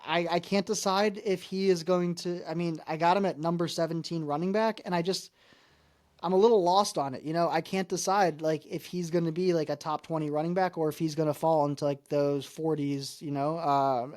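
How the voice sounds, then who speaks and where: A man co-hosting a podcast, chatting casually about fantasy football and running through stats with fillers and pauses. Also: fairly high pitch. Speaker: podcast co-host.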